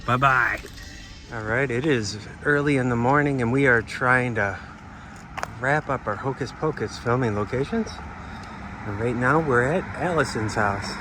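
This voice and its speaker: A man's voice: mid-range voice, a little slow, music in the background. A man chatting casually as a travel vlogger, rambling with many fillers and restarts. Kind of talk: casual vlog chat. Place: outdoors on town streets. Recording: outdoor street noise with passing cars.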